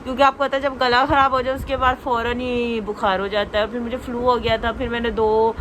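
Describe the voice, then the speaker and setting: A young woman talks in a chatty, confiding way for her vlog, voice a little high. Her throat is sore after a flu. A faint hum of noise sits behind her. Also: flat delivery, fairly bright tone. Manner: chatty, confiding, drawn-out complaints. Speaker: vlogger. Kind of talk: casual home vlog chat.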